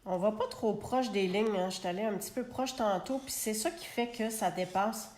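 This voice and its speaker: A woman's voice: medium pitch, moderate pace, a little mellow, reverberant. A woman with a Québécois French accent hosting a live card-making tutorial, chatting and talking to herself as she works, recorded on a phone held in a clamp. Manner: chatty, talks to herself while working.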